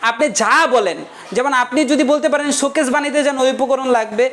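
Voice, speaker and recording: Male teacher with a high, quick voice. Jokes and keeps checking that the class follows. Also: fairly bright tone. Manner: joking, keeps checking the class understands, asks rhetorical questions. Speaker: economics teacher. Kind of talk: casual joking lecture.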